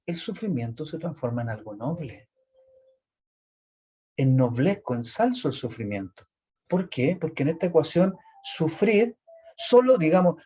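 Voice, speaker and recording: A man's voice: on the high side, mellow, slightly rough. A man with a Chilean accent giving a lecture, explaining in a rambling way that repeats and restarts phrases. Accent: Chilean Spanish. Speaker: teacher. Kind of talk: lecture on personality types. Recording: dull lo-fi recording.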